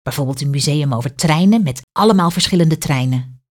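A woman's voice: deep voice, brisk. A woman, reading a children's story aloud expressively. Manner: clear, expressive read-aloud.

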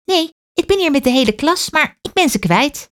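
A woman's voice: high voice, animated, moderate pace, a bit bright, voice pushed up. A woman from Aruba voicing a curious little schoolgirl. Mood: wondering. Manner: wondering, eager questions.

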